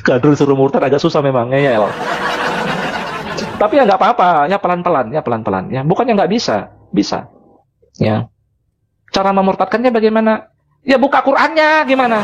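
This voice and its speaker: Male live-stream debater, casual and mocking, chuckles between phrases, slightly high voice, noisy background. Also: lo-fi sound.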